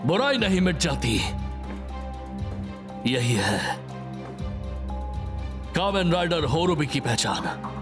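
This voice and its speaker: A ruthless android villain, throwing out hard, defiant declarations in a slightly raised voice with a lively, swinging pitch. Faint music plays underneath. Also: male voice, slow pace, pauses often. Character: cold, ruthless male android villain leader.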